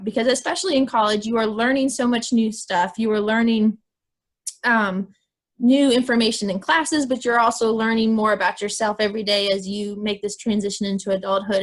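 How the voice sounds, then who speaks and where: A woman with a squeaky voice giving a chatty, encouraging wellness talk to students over a video call, full of fillers. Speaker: wellness presenter. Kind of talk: informal presentation to students.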